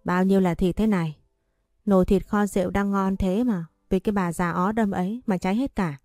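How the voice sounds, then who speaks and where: A woman voicing a calm, shrewd and caring old nanny in a spoken story. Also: medium pitch, a little fast, no room sound, clean studio sound, soft background music, close to an everyday voice. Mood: rueful. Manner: calm and cutting.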